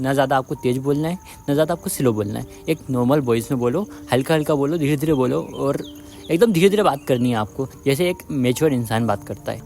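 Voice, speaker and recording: Fast-talking man giving dating advice. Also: on the high side, a little mellow. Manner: repetitive, addresses viewers as friends. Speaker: dating advice video host. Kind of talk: direct-to-viewer advice talk.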